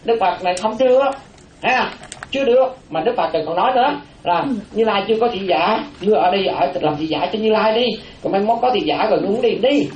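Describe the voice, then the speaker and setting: Animated and fast, the monk's high-pitched voice comes through lo-fi sound. During his dharma talk he keeps repeating key phrases and poses rhetorical questions to check on his listeners, all in a roomy, echoing space with faint ambience.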